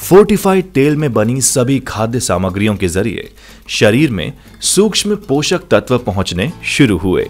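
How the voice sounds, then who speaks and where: A man reading scripted documentary narration in a measured, formal manner. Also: mid-range voice, very animated.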